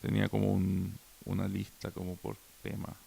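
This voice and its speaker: A man's voice: deep voice, completely flat delivery, normal speed, vocal fry, dark tone. A young man with a Chilean accent giving an informal workshop talk, hesitant, with many fillers and restarts. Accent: Chilean Spanish. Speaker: workshop speaker. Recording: faint hiss behind the voice.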